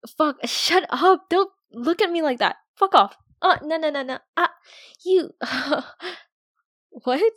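A cocky young woman who needles the listener, her voice a touch high and her delivery unhurried. She swears casually and laughs between her taunts, as a woman acts her out. The recording is close and bone dry, with no room around her. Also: no room sound. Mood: teasing. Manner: teasing, swears freely, laughs often. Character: cocky teasing young woman, a friend's older sister. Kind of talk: audio roleplay addressing the listener.

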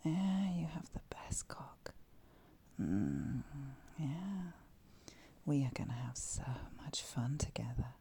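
A woman whispering intimately in an audio roleplay, with soft moans between her lines. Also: rumbling low, very animated, slow, gravelly, a little hiss or hum.

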